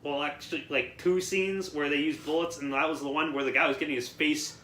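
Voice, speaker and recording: A man's voice: fairly high pitch, steady tone, fairly quick, pushed and bright. A young man hosting a casual group movie review. He rambles, trips over words and laughs a lot. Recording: echoey room, faint noise.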